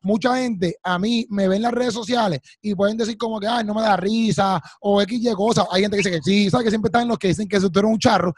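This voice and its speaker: A man's voice: high voice, fairly even intonation, brisk, few pauses, no room sound. A man, hosting an interview in an eager, affirming way, repeating his words. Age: 30s. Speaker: host. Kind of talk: casual interview chat. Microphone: studio mic with headphones.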